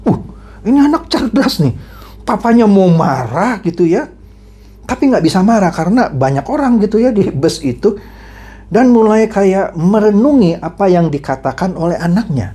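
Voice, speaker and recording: A man's voice: high voice, very animated, moderate pace, dark tone, husky. A man from Indonesia preaching, telling an illustration story in a conversational way before reading scripture. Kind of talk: storytelling sermon.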